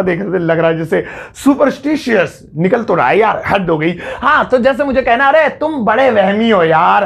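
A young man teaching English vocabulary in a casual, playful way, joking and repeating key words slowly. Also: sits high, gravelly. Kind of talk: casual Hindi vocabulary lesson.

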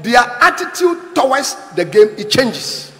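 High-voiced emphatic man preaching. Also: big pitch swings, takes it slowly, bright, forceful tone. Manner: emphatic, repeats lines for the interpreter. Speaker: pastor. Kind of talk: sermon with interpreter. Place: large church hall. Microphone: handheld mic. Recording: echoey hall with long reverb.

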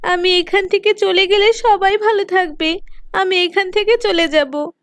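A woman's voice: very high voice, steady tone, a little slow, a bit bright, no echo, voice pushed up. A woman doing a meek, tearful cartoon girl. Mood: sad, resigned. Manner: pleading, tearful and submissive. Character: meek mistreated teenage girl, gentle. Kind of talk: cartoon voice acting.

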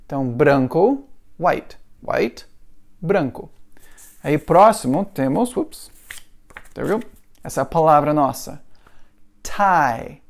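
A man's voice: fairly high pitch, vocal fry. A man whose first language is English, teaching pronunciation in a patient, repetitive lesson. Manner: patient, repeats words for drilling.

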